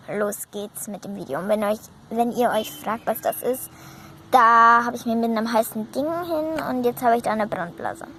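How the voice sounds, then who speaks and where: A woman's voice: fairly high pitch, a bit bright, a little hiss or hum. A woman giving a casual, rambling and hesitant video introduction. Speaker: video creator.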